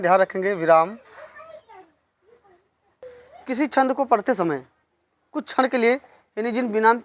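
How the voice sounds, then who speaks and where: A woman's voice: mid-range voice, dry recording. Dry-voiced woman teaching, repeating terms. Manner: repeats key terms slowly, asks and answers her own questions. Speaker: Hindi literature teacher. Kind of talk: online exam-prep lesson.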